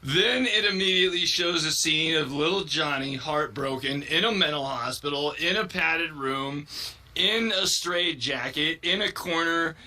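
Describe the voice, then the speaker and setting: A man's voice: on the high side, measured pace, bright, forceful tone. A man recounting a funny story to his viewers, laughing and giggling throughout. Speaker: video creator. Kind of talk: comic storytelling.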